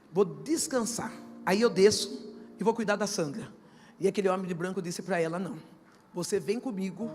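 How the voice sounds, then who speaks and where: A middle-aged woman pastor with a Brazilian accent gives a testimony sermon, moving from hushed storytelling to shouted, half-sung preaching. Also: on the high side. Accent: Brazilian Portuguese. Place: large church hall. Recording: church hall reverb with music behind.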